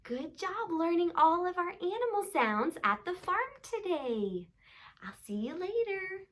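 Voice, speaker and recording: A woman's voice: very high-pitched, big pitch swings, unhurried. A woman teaching small children in simple, encouraging phrases, as if reading to a toddler. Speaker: preschool teacher and show host. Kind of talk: children's lesson, talking to toddlers.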